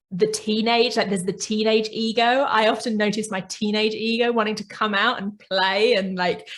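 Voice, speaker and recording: A woman hosting a reflective self-help podcast. She talks gently and often checks in with "right?". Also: medium pitch. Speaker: podcast host and coach.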